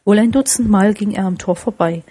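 A woman reading a classic story as an audiobook narrator, in a steady, expressive storytelling manner. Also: medium pitch, a little fast, slightly rough.

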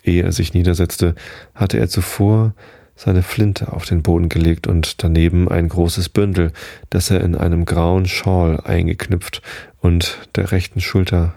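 A man reading a story aloud in steady, measured audiobook narration. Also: deep voice, vocal fry, no echo, studio quality.

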